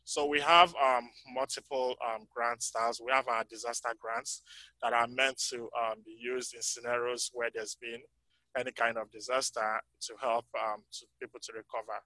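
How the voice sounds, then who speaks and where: Male panel speaker, bright forward tone, dry close sound, halting delivery with frequent ums. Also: medium pitch, level tone, no echo, low-quality recording. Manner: halting, many ums, voice fading in and out. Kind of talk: conference breakout talk. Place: conference breakout room.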